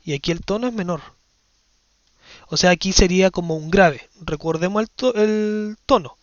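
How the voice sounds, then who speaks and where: A man teaching a physics lesson, walking through exam questions and often checking in with a quick "¿ya?". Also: high-pitched, dry recording, muffled recording. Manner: explanatory, checks in with frequent "¿ya?". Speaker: science teacher.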